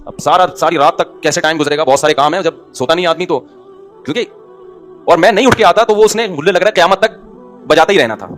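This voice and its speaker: A middle-aged man preaching at a quick clip in a slightly raised voice, full of everyday stories and rhetorical questions to his audience. His delivery is casual and wry, with joking asides. Faint music sits underneath. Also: a little high, fairly bright tone. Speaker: Islamic scholar and preacher. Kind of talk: conversational sermon.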